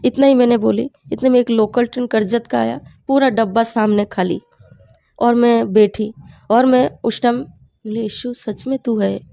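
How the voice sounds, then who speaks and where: Earnest woman with a creaky voice. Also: fairly high pitch, steady tone, moderate pace, dark tone, no echo, studio quality. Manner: earnest storytelling, often quoting her own prayers. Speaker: testimony speaker.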